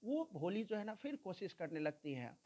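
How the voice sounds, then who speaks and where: A woman's voice: lowish voice, very animated, warm tone. A woman teacher, reading an English story line by line and explaining each line in Hindi. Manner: reads English text slowly, then explains in Hindi.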